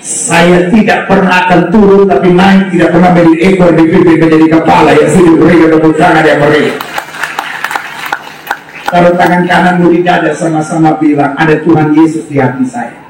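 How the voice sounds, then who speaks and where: A male pastor preaching a revival sermon to a crowd on an open-air stage, leading call-and-response and often shouting. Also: a little high, little pitch movement, fairly quick, far from the mic. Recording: very echoey open-air PA, from afar.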